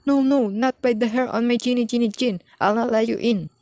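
A man voicing a small timid male pig in a storybook reading, with a high squeaky voice. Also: fairly even intonation, brisk, darkish tone, no echo. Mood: pleading, squeaky.

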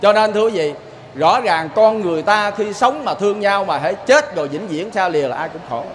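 A man's voice: high voice, animated, fairly quick. A man with a Southern Vietnamese accent giving a sermon as a lay preacher, folksy and storytelling, often turning to the listeners with a question. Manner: folksy, keeps asking "see?" of the listeners.

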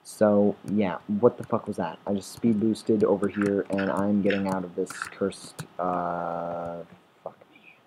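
This is a man with a deep voice doing let's-play commentary into his desk mic. He wanders between thoughts, swears freely and talks back to the game's creatures. Faint noise sits underneath. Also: level tone, unhurried, hardly any pauses. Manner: rambling, swearing, talks at game mobs, restarts sentences. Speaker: gameplay commentator. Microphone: desktop or headset mic.

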